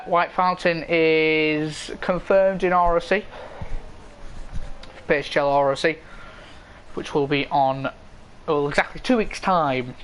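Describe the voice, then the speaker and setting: A man's voice: on the high side, fairly bright tone, slight background noise. Chatty male sim racing commentator. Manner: chatty, with fillers and asides to the chat. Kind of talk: live esports race commentary.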